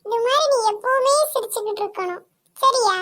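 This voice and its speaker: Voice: very high voice, brisk, pushed and bright. A performer voicing a boastful teenage schoolboy who shows off to a girl. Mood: boastful, sweet.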